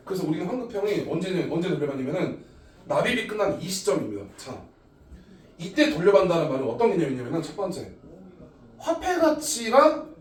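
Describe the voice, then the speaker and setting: A man in his thirties lectures on a topic step by step in a lively voice that rises and falls a lot and sits a little high. He sounds set back from the mic, and the room rings noticeably around him. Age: 30s. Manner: lively, explains step by step with frequent "자". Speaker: insurance agent. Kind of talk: explanatory lecture. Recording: echoey room, voice a bit far from the mic.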